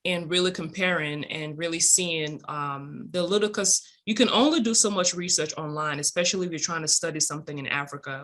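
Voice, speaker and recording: Bright-voiced chatty businesswoman. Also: sits low. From Cameroon. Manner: chatty, many fillers, upbeat. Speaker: guest entrepreneur. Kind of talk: casual interview answers.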